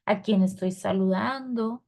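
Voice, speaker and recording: Woman, teacher, patient explaining, gravelly, mid pitch. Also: measured pace, darkish tone. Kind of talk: recorded class lesson.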